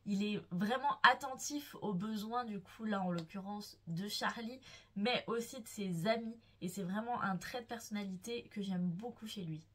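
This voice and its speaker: A woman's voice: mid-range voice, fairly bright tone, husky. A young woman hosting a book vlog who gushes playfully and swoons as she talks about her favorite characters. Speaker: book vlogger. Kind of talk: casual enthusiastic book chat.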